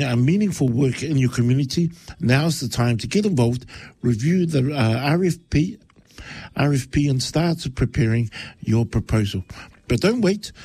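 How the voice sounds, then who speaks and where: A man hosts a radio show. His voice is a little rough-edged and sits in a dry, close sound. He reads community announcements with a hesitant, stop-start delivery. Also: medium pitch, warm tone, no echo. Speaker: radio host. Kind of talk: live radio presenting, reading a community announcement.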